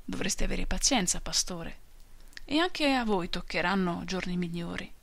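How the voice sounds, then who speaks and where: A woman's voice: fairly low pitch, animated, moderate pace, vocal fry, a bit bright. A woman voicing a hearty farmhand who encourages and eagerly agrees. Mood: encouraging. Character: hearty consoling farmhand, man.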